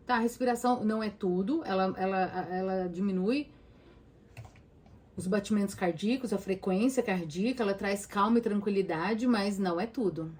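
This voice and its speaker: A woman's voice: mid-range voice, darkish tone. A woman therapist with a Brazilian Portuguese accent, talking casually and emphatically to viewers and asking them direct questions. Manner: emphatic, speaks straight to the listener with rhetorical questions. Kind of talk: casual talk to viewers about anxiety.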